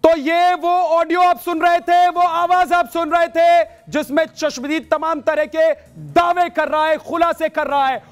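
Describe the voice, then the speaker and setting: A male news anchor speaking loudly and forcefully, repeating phrases for emphasis. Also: very high voice, flat delivery, unhurried, few pauses, soft background music. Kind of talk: loud studio news anchoring.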